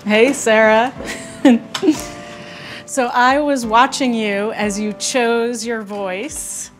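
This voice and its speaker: A woman's voice: fairly high pitch, fairly even intonation, very slow, faint music behind. A woman reporter who interviews and explains in a friendly way and laughs easily.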